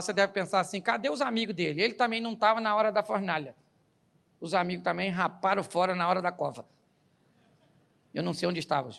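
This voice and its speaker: A pastor tells Bible stories as comedy, chuckling along and playing out each scene. His voice sits high for a man and has a gravelly, fried texture. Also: fairly bright tone. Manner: jokey, laughs at his own jokes, acts out scenes. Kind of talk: comic storytelling sermon.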